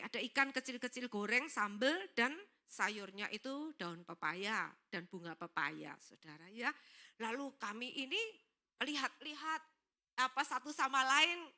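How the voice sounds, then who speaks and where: High, bright-voiced woman giving sermon testimony. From Indonesia. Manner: earnest, keeps addressing listeners as brothers and sisters. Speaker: church speaker giving testimony. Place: church service.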